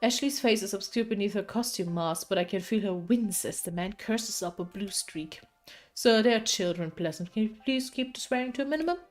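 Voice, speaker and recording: Young woman, streamer, reading a game story aloud, playful, chatty, middle pitch. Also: brisk, soft background music. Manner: playful, chatty, laughs often. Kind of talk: reading a visual novel aloud.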